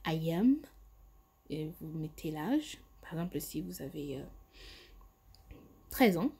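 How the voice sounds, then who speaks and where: A woman giving an English lesson, modelling phrases slowly and carefully. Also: sits low, big pitch swings, creaky, a little mellow, husky. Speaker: English teacher. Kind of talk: language lesson.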